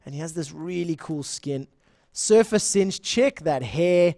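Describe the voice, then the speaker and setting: This young man, an esports shoutcaster with a South African accent, speaks in an animated, warm voice, a little high, at a measured pace. He casts a live online game in a chatty, rambling way, correcting himself and greeting chat viewers, with clean studio sound and no room sound.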